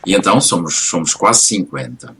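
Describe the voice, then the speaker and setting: A man's voice: deep voice, sing-song, moderate pace, pushed and bright, a little hiss or hum. A man hosting a casual radio interview, talking hesitantly with frequent fillers and restarts. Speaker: radio host.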